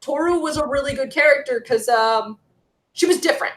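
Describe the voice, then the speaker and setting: A woman talks at length as a guest on a podcast. Her voice sits high, and she rambles on in a chatty, ranting way. The recording carries a noticeable room echo. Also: brisk, a bit bright. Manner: ranting, talkative. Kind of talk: casual chat. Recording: roomy echo.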